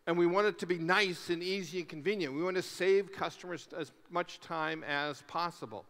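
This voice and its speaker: A man's voice: sits high, normal speed, a bit bright. A middle-aged man giving a conference keynote on a large stage through a headset mic, emphatic and fond of rhetorical questions and repeated lists. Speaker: keynote speaker. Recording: long hall reverb.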